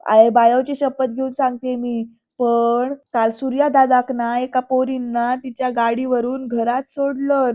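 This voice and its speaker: A woman's voice: high voice, level tone, unhurried, mellow, dull audio. Woman playing an eager gossiping young niece.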